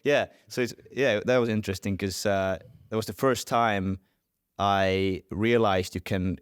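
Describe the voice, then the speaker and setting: This is a man, talking as a podcast guest. His voice sits very low, and the recording is dry and close. He talks in a relaxed, rambling way with a playful edge. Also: measured pace, clear, resonant tone, no room sound. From Estonia. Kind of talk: casual interview chat.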